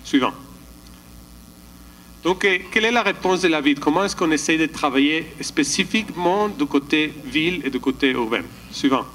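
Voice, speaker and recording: A man's voice: on the high side, animated, normal speed, a bit bright, slight background noise, rough recording. A man giving a slide presentation at a conference, hesitant, often restarting and searching for words. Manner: calls for the next slide.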